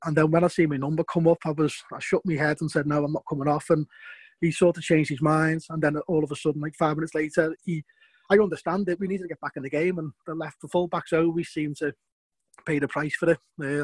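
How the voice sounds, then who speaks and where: A middle-aged ex-footballer with a Scouse accent tells the story of his career in an interview, rambling, repeating words and chuckling between points. His voice sits on the high side and is husky, and he talks fast with a flat delivery. The recording is dry.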